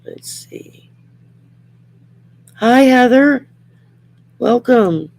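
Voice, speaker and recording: A middle-aged woman with a raspy, worn whiskey voice hosts a casual live chat in an unhurried, rambling, plain-spoken way. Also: on the high side, lively intonation, a little mellow, rough recording. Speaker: live show host.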